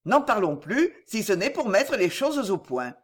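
Relaxed, teasing well-off gentleman read by a narrator, storybook audiobook. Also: mid-range voice, a little slow. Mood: calm. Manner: calm, easygoing. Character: wealthy whimsical gentleman, calm and teasing. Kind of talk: audiobook reading.

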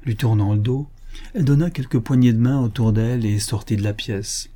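A man narrating a novel in a measured, even audiobook reading. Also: medium pitch.

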